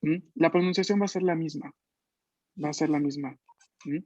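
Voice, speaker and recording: A man teaching a French class online in Spanish, patiently explaining and slowly modeling words for his students. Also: fairly high pitch, fairly even intonation, darkish tone, no room sound. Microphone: video call. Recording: dull lo-fi video call audio.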